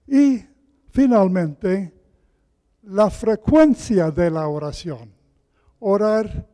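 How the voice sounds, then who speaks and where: A man giving a sermon as a guest preacher, deliberate and repeating key phrases for emphasis, in a large hall with cathedral-like echo. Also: sits high, mellow. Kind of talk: sermon with Bible reading. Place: large echoing hall with pews.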